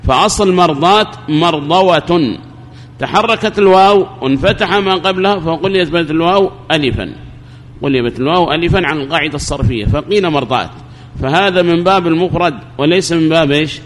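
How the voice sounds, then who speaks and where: A man giving a recorded grammar lesson, explaining slowly and repeating his examples, with questions he then answers himself. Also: fairly high pitch, big-room sound, slight background noise. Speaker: grammar teacher.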